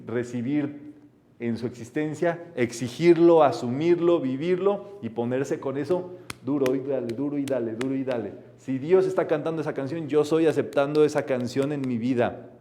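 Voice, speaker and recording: Male spiritual teacher, warm low-key timbre, earnest lecturing, leads group affirmations. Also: moderate pace, a little hiss or hum. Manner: earnest and explanatory. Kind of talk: metaphysical Bible lecture.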